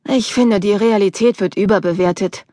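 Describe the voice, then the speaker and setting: A woman's voice: medium pitch, normal speed, dark tone, no room sound, lightly acted. A woman narrator voicing a rich, flippant young male student who talks in an offhand, self-assured way, in an audiobook.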